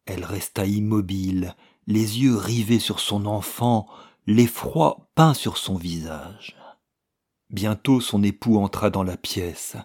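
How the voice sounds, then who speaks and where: A man narrating a literary story in a measured, grave way. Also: fairly low pitch, darkish tone, husky.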